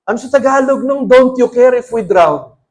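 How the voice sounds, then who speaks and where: A man's voice: very high-pitched, lively intonation, moderate pace. A man with a Filipino accent preaching a sermon as pastor, mixing Tagalog and English and acting out quoted lines with a raised voice.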